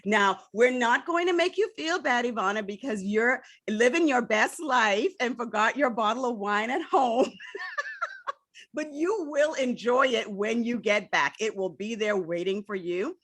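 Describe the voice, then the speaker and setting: A woman's voice: a little high, expressive, measured pace, a bit bright, a little hiss or hum. A woman hosting a casual interview podcast, chatty and laughing easily, often adding "right?" to her points. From lived in Miami. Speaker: podcast host.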